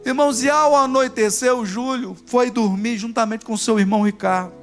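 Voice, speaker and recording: Brazilian male preacher, high voice, emphatic storytelling sermon, faint music behind. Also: steady tone, moderate pace, a bit bright. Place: church service.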